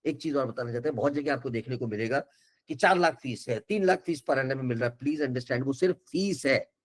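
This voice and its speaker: A man's voice: mid-range voice, brisk. An older man, an education counsellor giving an earnest, reassuring webinar talk that keeps switching between Hindi and English.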